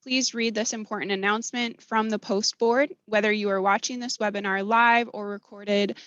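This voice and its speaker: A woman's voice: mid-range voice, steady tone, normal speed, fairly bright tone, dry recording, lo-fi sound. Formal American woman moderator, dry sound. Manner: formal, reading aloud. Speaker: webinar moderator. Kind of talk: scripted announcements and speaker introductions.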